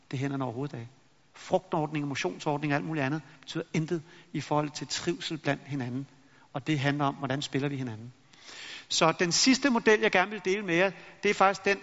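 A middle-aged man giving a motivational talk to an audience, a lively storyteller who acts out his anecdotes. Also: on the high side. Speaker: motivational speaker. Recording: long reverb in a hall, dull lo-fi sound.

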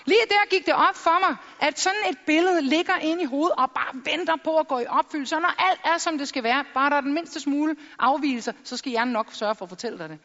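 A woman in middle age tells stories on stage with quick humour, acting out the voices of the people she quotes. Her voice sits high, and it carries into a large hall with a long echo. The sound is a bit dull, as if from a plain stage microphone. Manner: lively storytelling with jokes and acted-out quotes. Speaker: public speaker. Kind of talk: stage talk.

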